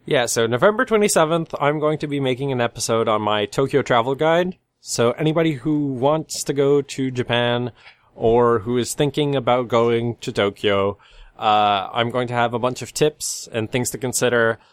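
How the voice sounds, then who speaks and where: A man's voice: mid-range voice, moderate pace, dry recording, clean studio sound. A man with a slightly nasal, stuffed-up voice from a cold, co-hosting a casual podcast. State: congested from sneezing. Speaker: podcast co-host.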